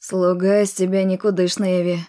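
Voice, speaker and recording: A woman's voice: on the low side, little pitch movement, fairly quick, warm tone, lightly acted. A woman voicing a confident, arrogant young nobleman mage, cool and mocking.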